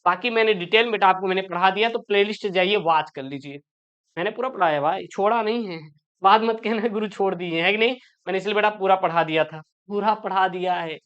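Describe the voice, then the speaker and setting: Woman teacher for an exam-prep lesson, smooth clear voice, slightly muffled recording, asks and answers her own questions. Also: mid-range voice, brisk.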